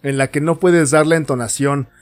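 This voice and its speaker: A man's voice: fairly high pitch, fairly even intonation, normal speed. Tipsy young Mexican man chatting. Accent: Mexican Spanish. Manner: chatty, laughs often, acts out quoted texts. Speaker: podcast co-host. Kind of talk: casual chat.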